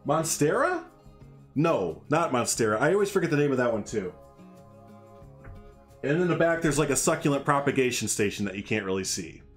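Speaking a little fast with frequent pauses and big pitch swings, this medium-voiced man streams a building game on a headset from a small home room. He's in his thirties, from Northern Illinois with a slight Chicago accent, and rambles jokingly with viewers as faint music plays.

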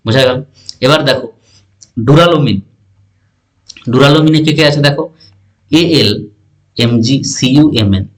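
A man's voice: medium pitch, unhurried, long pauses. A male teacher giving an exam-prep science lesson, repeating terms and often asking the listener if they follow. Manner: keeps asking the listener questions to check understanding.

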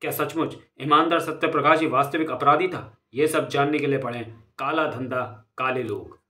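A man's voice: mid-range voice, normal speed, pushed and bright, distant mic. Man narrating a comic with dramatic suspense.

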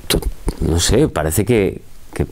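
A man's voice: low-pitched, animated, slow, a little mellow, a little hiss or hum. A man in his forties from the Basque Country, an actor earnestly answering interview questions in a press room. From Vitoria, Basque Country. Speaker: supporting actor. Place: indoor press room in front of a film poster.

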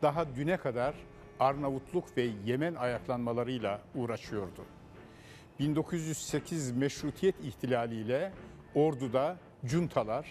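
A man talks calmly in an interview, explaining events in a steady, even way. His voice sits at a middle pitch.

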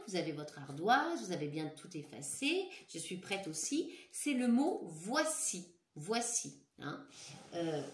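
A woman's voice: lowish voice, darkish tone. A woman teacher leading a dictation for young children, patient, repeating and stretching each word. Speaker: schoolteacher. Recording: echoey room.

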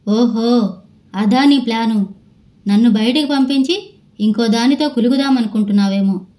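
A woman narrator voicing a quarrelsome, spiteful wife who shouts bitterly at her husband. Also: fairly high pitch, normal speed, natural voice. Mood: bitter, shouting.

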